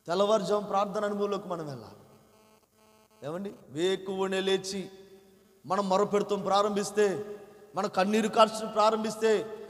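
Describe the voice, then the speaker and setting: A man with a Telugu accent preaching a gospel sermon at a church meeting, swinging between loud fervent cries and low, intense passages. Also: fairly even intonation, moderate pace, long pauses. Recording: long hall reverb.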